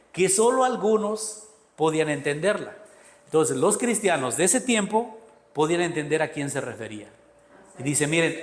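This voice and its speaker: A priest leads a Bible class, working through each step patiently and stopping to check that his listeners follow. His voice sits slightly high for a man. The sound rings with the long reverb of a large hall. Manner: explains step by step, counts through numbers, checks in with "ok" and "miren".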